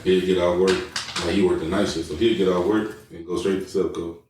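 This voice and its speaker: A very deep man's voice that talks fast and turns everything into a joke. He sounds far from the mic in a very echoey room with light hiss. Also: fairly even intonation. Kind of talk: casual chat.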